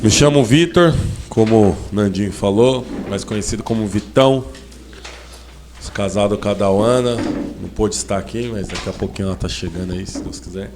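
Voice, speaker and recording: A man giving a sermon to a congregation, who starts with slow prayer and grows more fervent as he preaches. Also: on the low side, background noise. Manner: prays slowly, then preaches with rising fervor. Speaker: lay preacher. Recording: echoey room with faint ambience.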